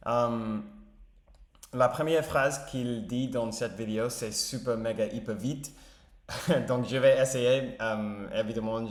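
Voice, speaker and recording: A man with an English accent talks through his French practice in a casual vlog, pausing often with fillers and correcting himself. He speaks slowly, and his voice rings in an echoey room. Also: medium pitch. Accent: English-speaking learner of French. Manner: hesitant, many fillers and self-corrections. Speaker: vlogger learning French. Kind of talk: casual language-learning vlog.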